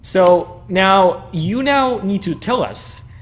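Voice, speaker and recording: A man with a fairly high voice hosts a casual tabletop game chat, joking and laughing between thoughts. A faint hiss sits under his voice. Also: animated. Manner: laughing, joking, quick asides. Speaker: streamer hosting a tabletop game. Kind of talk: casual chat among players.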